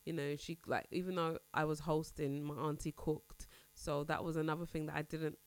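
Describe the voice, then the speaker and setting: In a dry recording, a low-pitched woman speaks at a moderate pace in a level, clear, resonant tone. She hosts a casual podcast in her thirties and chats frankly, her voice congested and nasal as she recovers from a cold. The conversation rambles with frequent restarts.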